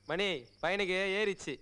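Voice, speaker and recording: An actor playing a sarcastic young gang member. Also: male voice, high-pitched, fairly even intonation, slow, bright, forceful tone, smooth, exaggerated voice. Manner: scoffing, sarcastic.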